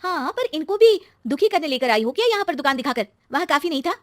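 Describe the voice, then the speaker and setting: A woman's voice: sits high, fast, dry recording, studio quality, pitched above the performer's own voice. Woman doing a chatty young wife. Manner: excited, talkative. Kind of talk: cartoon story voice acting.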